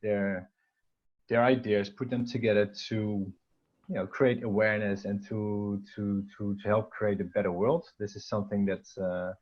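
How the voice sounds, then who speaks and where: Dutch man, low voice, halting and dull-sounding. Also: flat delivery. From Netherlands. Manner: hesitant, many fillers and restarts. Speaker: guest. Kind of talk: casual interview talk.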